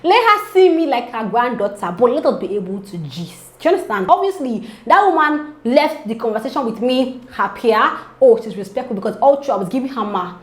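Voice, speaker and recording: A young woman talks straight to camera, coaching her viewers on branding in a chatty, persuasive way. Her voice sits a little high for a woman. The studio around her sounds roomy and echoey. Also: big pitch swings, a little fast, few pauses. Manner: chatty, persuasive, keeps asking "do you understand?". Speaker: branding coach and channel host. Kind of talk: direct-to-camera business vlog.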